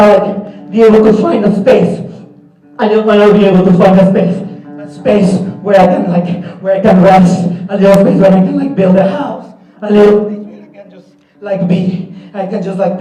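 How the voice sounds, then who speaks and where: A man speaks a raw, looping confession as part of a live dance performance, his voice high for a man yet dark and soft in tone. He is heard from a distance, and the sound carries a strong echo through a large hall. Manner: repetitive, confessional, raw and swearing. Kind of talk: spoken-word monologue in a live performance. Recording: echoey hall, voice from far off.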